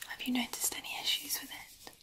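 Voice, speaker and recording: A woman performing a whispered role-play as an attentive, reassuring examiner, speaking gently and moving from one ear to the other. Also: a little fast. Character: attentive, reassuring female examiner running sight and hearing tests. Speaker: ASMR performer playing an examiner.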